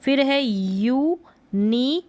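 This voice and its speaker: A woman teaching English pronunciation in a slow lesson, spelling out letters and repeating each word. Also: high voice, animated, a little mellow. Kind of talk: slow explanatory lesson in Hindi.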